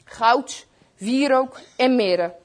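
A woman reading a Christmas story aloud to children, slow and expressive, speaking to her listeners. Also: fairly high pitch.

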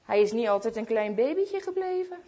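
A woman's voice: on the high side, big pitch swings, fairly quick, mellow. A woman voicing a kindly, lonely old male shoemaker in a storybook, sighing and mumbling. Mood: hopeful.

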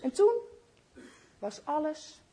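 Slow, lively woman reading to children. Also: high-pitched. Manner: slow and expressive, addressing listeners. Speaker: storyteller.

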